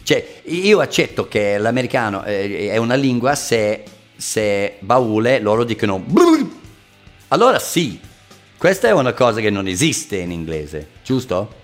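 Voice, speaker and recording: A man's voice: on the low side, very animated, measured pace. A man hosting a casual podcast lesson, playful and jokey, slipping between languages. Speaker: podcast host, English teacher. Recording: faint guitar music behind.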